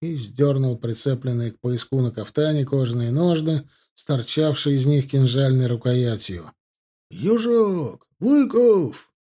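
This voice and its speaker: Guy reading an audiobook, mellow and a bit raspy, steady pace. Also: medium pitch, normal speed, hardly any pauses. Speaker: audiobook narrator. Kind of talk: audiobook narration.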